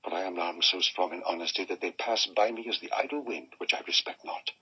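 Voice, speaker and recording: A man's voice: low-pitched, fairly quick, sharp tone, husky, heavily acted, poor audio. An actor playing Brutus, a stern, proud Roman nobleman, in a recorded Shakespeare audio drama, declaiming with scorn.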